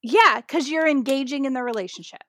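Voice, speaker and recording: A woman's voice: sits high, brisk, dry recording, clean studio sound. A woman, a pastor, talking animatedly with lots of "like" fillers in a podcast interview. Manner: animated storytelling, frequent "like" fillers. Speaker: pastor and guest.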